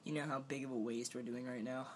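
A man's voice: medium pitch, fairly even intonation, fast. A young man chatting casually as he films a home vlog on a handheld phone. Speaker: vlogger filming a challenge. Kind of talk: casual chat. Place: indoors at home, kitchen and carpeted room. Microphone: handheld phone camera, held by speaker. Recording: home video with background noise.

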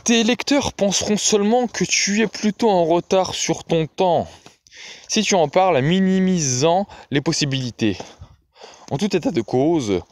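A man's voice: sits high, expressive, measured pace, no echo, voice pushed up. A man reading aloud and voicing Fay, an earnest, condescending technocrat who explains in a lecturing, matter-of-fact way.

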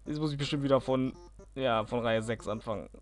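A man's voice: mid-range voice, brisk, faint music behind. A man giving casual let's play commentary, grumbling at and cheering on the game, talking to enemies.

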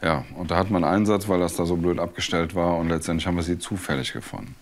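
A man playing a calm, matter-of-fact police officer in a scripted reality TV show. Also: deep voice, fast, slight background noise.

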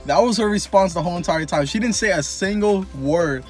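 A man's voice: high-pitched, a little fast, darkish tone, soft background music. A young man chatting casually on a couples vlog, telling a story in a rambling way with lots of fillers. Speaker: vlogger. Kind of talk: casual chat.

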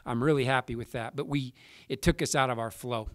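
A man in his forties, a basketball coach answering reporters after a game at a table mic, measured and halting with many restarts. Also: medium pitch, steady tone, no room sound, studio quality. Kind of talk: post-game press conference answers. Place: press room with sponsor backdrop. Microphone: table mic in front.

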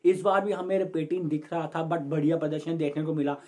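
A man's voice: a little high, fairly even intonation, brisk, dark tone. A young man hosting his own sports channel, giving a chatty, casual match analysis straight to camera from a room at home and calling his viewers friends. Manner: gestures with hands while explaining.

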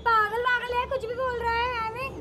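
A woman's voice: very high-pitched, little pitch movement, brisk, noisy background. A young woman in a street argument, scornfully denying everything.

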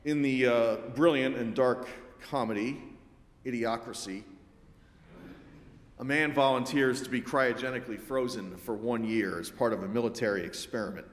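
Wry male preacher in echoing church. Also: medium pitch. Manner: measured, wry preaching with dry asides. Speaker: pastor. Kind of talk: sermon. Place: church sanctuary. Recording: roomy church with long reverb.

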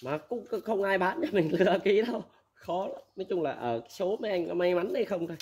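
A man's voice: high voice, animated, brisk, darkish tone, slightly rough. Blunt, candid man. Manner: blunt, candid, laughs often, acts out quoted dialogue. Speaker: used machinery dealer. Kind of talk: casual advice talk.

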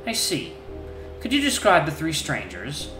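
A man playing a calm, polite hyena interrogator. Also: a little high, voice pushed up. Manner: polite, measured, precise. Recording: echoey room with faint music.

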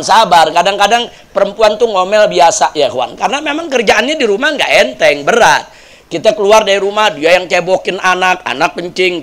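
A man's voice: high voice, a bit bright. A man preaching, telling humorous stories and playfully addressing the congregation directly. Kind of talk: humorous sermon storytelling.

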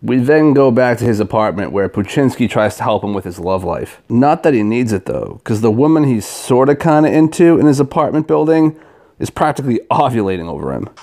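A man's voice: mid-range voice, lively intonation, fairly quick, mellow. A man hosting a scripted comedic review, delivering a scathing critique with sarcasm and crude language. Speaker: video reviewer and host.

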